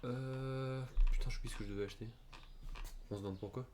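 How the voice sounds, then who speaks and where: A man's voice: medium pitch, fairly even intonation, quick pace, noisy background. A young adult man from France with a French accent, chatting casually and hesitantly while streaming a game, with many fillers and restarts. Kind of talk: casual gaming chat.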